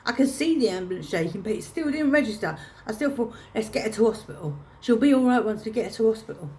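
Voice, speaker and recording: A woman telling a painful personal story to camera, halting and restarting her phrases as she holds back emotion. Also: a little high, animated, a little mellow. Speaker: vlogger.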